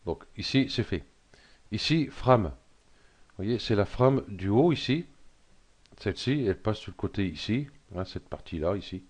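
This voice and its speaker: Low-voiced man talking through a tutorial. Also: lively intonation, normal speed, darkish tone. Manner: hesitant, thinking aloud with many fillers. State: frog in his throat. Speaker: tutorial presenter. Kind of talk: screen-recorded software tutorial.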